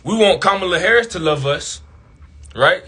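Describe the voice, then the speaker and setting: Male commentator, slightly high, husky voice, preachy monologue with constant rhetorical questions. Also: lively intonation, normal speed, bright, forceful tone. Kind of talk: impassioned monologue to camera.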